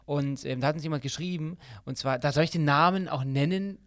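A man's voice: a little high, fairly quick, dry recording, clean studio sound. A man co-hosting a podcast, talking casually and bickering, with many fillers and restarts. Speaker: podcast co-host.

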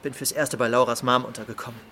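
A man's voice: medium pitch, level tone, fast, very noisy, natural voice. A young man playing a casual, hesitant, slightly clueless schoolboy in naturalistic drama dialogue. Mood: resigned.

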